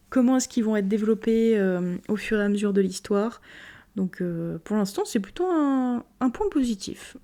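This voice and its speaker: A woman's voice: mid-range voice, warm tone. A young woman casually reviewing anime, rambling with many fillers and repeated "very, very".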